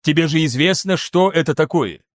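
A man voicing an excitable, theatrical male scholar who lectures insistently in an audiobook. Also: on the high side, moderate pace, dry recording, clean studio sound, natural voice. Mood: lecturing excitedly. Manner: animated, insistent, showy.

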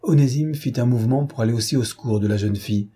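A man reading a classic novel aloud in a steady, measured storytelling manner. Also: mid-range voice, slightly rough. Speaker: audiobook narrator.

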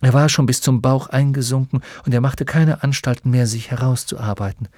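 A man narrating a fantasy audiobook in a measured, expressive reading, recorded in a studio. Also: medium pitch, dry recording. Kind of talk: scripted storybook narration.

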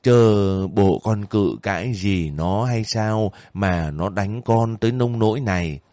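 Soft sighing old country mother, read by a man, slow and low, dry. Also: no room sound. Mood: gentle. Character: gentle weary older countrywoman, a caring mother.

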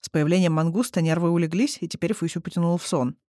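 An audiobook narrator telling a story in a steady, even way. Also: medium pitch, quick pace, no room sound, clean studio sound.

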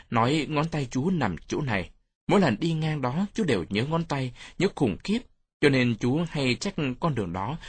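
A man narrating a storybook in a warm, reminiscent storytelling manner. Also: medium pitch, breathy edge, dry recording.

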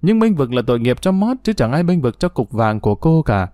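A man reading an audiobook story aloud in a steady, even way, at a middling pitch. His voice is recorded close and dry, with no room sound. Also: fairly quick, no echo. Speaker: narrator.

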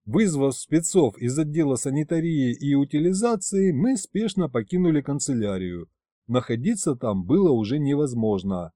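Guy reading an audiobook, mellow tone, super dry close mic, voice goes up and down a lot. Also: medium pitch, no echo. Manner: lively, expressive. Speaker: audiobook narrator. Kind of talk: scripted narration.

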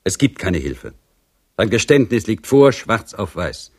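A man's voice: lowish voice, big pitch swings, unhurried, pitched above the performer's own voice, full character voice. A man voicing a stern older general who dismisses a plea with cold authority. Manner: brusque, dismissive.

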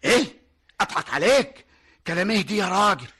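An actor with an Egyptian accent playing a proud, touchy older hajj in a radio drama, loud and quick to take offence. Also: male voice, sits high, very animated, breathy edge, exaggerated voice. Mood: offended blustering. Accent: Egyptian Arabic.

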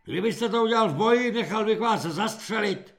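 A man voicing a young army corporal who squeals and bullies recruits with hectoring shouts. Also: high voice, lively intonation, creaky, pitched above the performer's own voice. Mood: barking.

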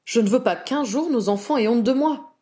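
Woman reader doing a proud young witch, earnest and pleading, pitched up and mellow. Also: normal speed, lightly acted. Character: young witch, proud, anxious, wants to prove herself.

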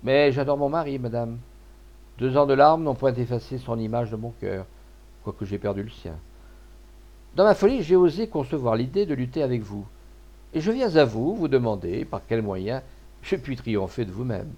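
A man voicing a desperate, tearful young wife in a storybook reading, with a pleading, broken delivery and a gravelly voice. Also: mid-range voice, animated, normal speed, a little mellow, highs cut off.

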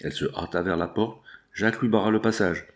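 A man narrating an audiobook novel in a measured storytelling manner. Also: low voice. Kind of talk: scripted narration.

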